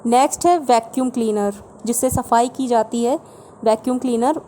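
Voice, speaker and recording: A woman from India teaching an English vocabulary lesson in Hindi, explaining each word slowly and going back over the pairs. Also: sits high, warm tone, a little hiss or hum. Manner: slow, explanatory, repeats each word pair.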